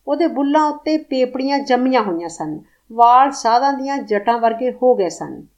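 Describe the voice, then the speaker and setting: A woman reading a literary short story aloud in a measured, expressive, somber way. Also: fairly high pitch. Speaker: story reader.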